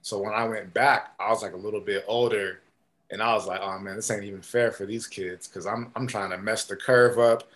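A man telling stories as a podcast guest in a casual, animated way, with many fillers and restarts. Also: lowish voice, brisk. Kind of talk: casual storytelling.

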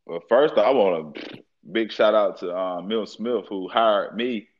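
Low-voiced young coach, relaxed drawl. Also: male voice, unhurried. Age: young adult. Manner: relaxed, repeats fillers like "at the end of the day". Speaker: head football coach. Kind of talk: casual interview. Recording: dull lo-fi sound.

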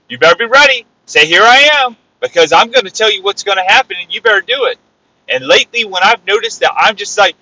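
Bright-voiced male podcast preacher. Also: fairly high pitch, rough recording. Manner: preachy, repetitive, builds to loud exclamations. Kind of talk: informal sermon.

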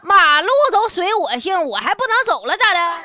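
Casting: woman playing defiant, blustering horse-owning man, comic storytelling, Northeastern Mandarin accent, high animated voice. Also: normal speed, a little hiss or hum, exaggerated voice. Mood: indignant, defiant. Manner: defiant, scoffing, argumentative. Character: indignant, blustering male horse owner in an accident dispute. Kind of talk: acted quote in comic news storytelling.

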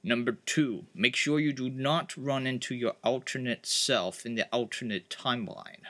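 A man voicing an eccentric male time-travel scientist who patiently lays out rules in a calm, explaining manner. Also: medium pitch, moderate pace, natural voice. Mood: calm, lecturing. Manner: calm, explanatory, earnest rule-giving.

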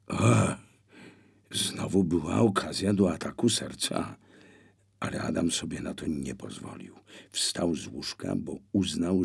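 Slow, gravelly male audiobook narrator. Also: low voice. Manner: measured, expressive reading. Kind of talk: scripted narration.

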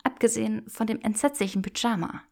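Woman doing a teasing young witch, higher voice. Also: brisk, vocal fry, darkish tone. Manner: teasing, often whispered.

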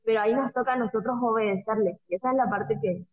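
A woman's voice: a little high, fast. A woman with a Rioplatense Spanish accent co-hosting a devotional radio talk, explaining step by step with everyday examples. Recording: dull muffled radio audio.

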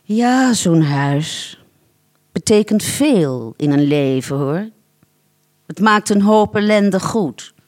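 A pampered, haughty rich lady from a storybook, as the reader puts her on, savoring every word in a languid, self-satisfied drawl. The delivery is unhurried and lingering. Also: mid-range voice, expressive, darkish tone. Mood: gushing. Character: wealthy, haughty older woman with dogs.

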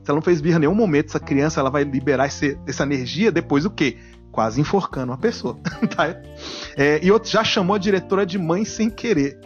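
A man's voice: a little high, fast, dull audio, faint music behind. A man in his forties hosting a casual comedic podcast, reacting to guests' stories and joking a lot. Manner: jokey, animated, acts out silly voices. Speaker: podcast host.

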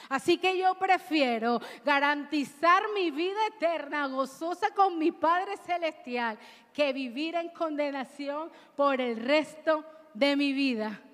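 Woman preacher, high voice, exhorting sermon, long church reverb. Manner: exhorting, call-and-response with the congregation.

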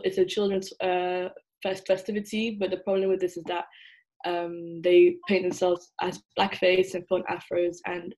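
Young woman from England, student guest, thoughtful and halting, on a call. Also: lowish voice, rough recording. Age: young adult. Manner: thoughtful, many fillers and restarts. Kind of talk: casual conversation.

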